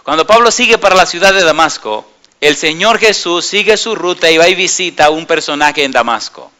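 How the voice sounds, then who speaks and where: A man preaching a sermon, emphatic, putting repeated questions to his congregation and swinging from soft murmurs to raised exclamations. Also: on the high side, expressive, fairly quick.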